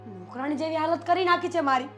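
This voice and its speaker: A young woman playing a defiant, sharp-tongued wife who refuses and mocks. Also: sits high, animated, fast, soft background music. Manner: sarcastic, refusing, tart.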